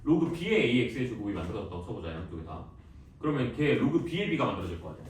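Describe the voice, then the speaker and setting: A male math teacher giving a classroom lecture, lively and teasing, quizzing students with quick questions. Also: lowish voice, a little hiss or hum. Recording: echoey classroom, voice from far off.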